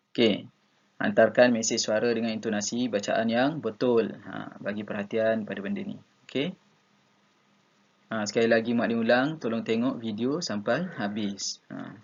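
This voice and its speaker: A man's voice: medium pitch, husky. A Malaysian man teaching an online primary school class, patiently repeating instructions. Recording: dull lo-fi recording.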